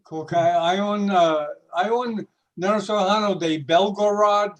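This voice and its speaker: A man hosting a video call, halting and searching for words as he switches languages. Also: high-pitched. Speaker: host. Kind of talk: casual video call chat.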